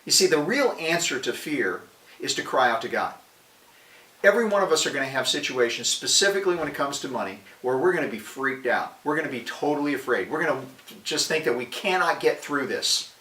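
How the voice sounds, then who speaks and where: Male podcast host, bright forceful tone, energetic and conversational preaching, roomy sound off-mic. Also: medium pitch, a little fast, far from the mic. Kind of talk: casual devotional talk.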